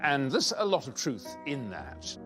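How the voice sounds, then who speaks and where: A man offers expressive, opinionated commentary in an interview. His voice sits in a middle pitch, with soft music faintly behind. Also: measured pace. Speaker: royal commentator.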